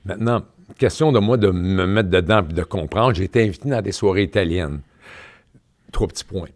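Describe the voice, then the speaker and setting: A middle-aged man with a Québécois French accent tells stories in a casual interview. His voice sits fairly low, and he talks in animated bursts full of fillers and restarts. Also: fairly quick. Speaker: guest, boxer turned actor.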